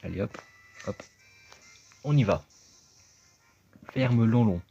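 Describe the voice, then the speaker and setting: A man with a low voice chats his way through a video game, thinking aloud as he plays. The sound is dull and lo-fi. Soft game music runs underneath. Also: slow, creaky. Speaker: let's play gamer. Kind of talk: casual gameplay commentary.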